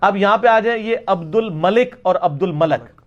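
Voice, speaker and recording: Man lecturer, middle-aged, high pitch; emphatic Q&A teaching, demonstrates words aloud. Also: muffled recording. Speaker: religious lecturer. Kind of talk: question-and-answer lecture.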